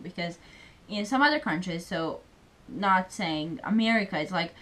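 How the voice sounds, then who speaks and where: A chatty young adult woman from Serbia, a student vlogger, chats casually in English, her second language, using many fillers. Her voice is mid-range and a bit bright.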